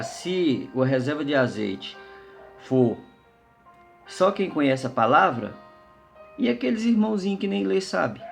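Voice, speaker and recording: A man's voice: medium pitch, creaky, darkish tone. A man giving an informal, conversational sermon as a lay preacher, telling a personal story with many fillers and tag questions.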